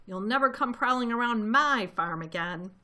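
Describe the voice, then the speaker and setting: A woman voicing a fat, bossy, furious male farmer in a children's storybook, shouting impatiently. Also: medium pitch, animated, moderate pace. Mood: taunting.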